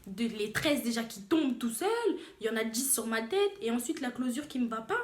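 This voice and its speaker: Animated young woman telling a story. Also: a little high, fairly quick. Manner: animated storytelling, repeats phrases, laughs often. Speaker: vlogger. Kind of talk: storytime vlog. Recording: roomy echo.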